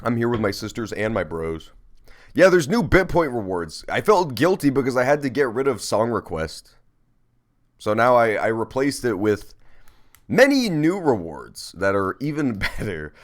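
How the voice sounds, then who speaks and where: A man's voice: mid-range voice, big pitch swings, normal speed. A man streaming a game and chatting casually with viewers, playful, rambling and sweary. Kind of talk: casual live-stream chat with gameplay commentary.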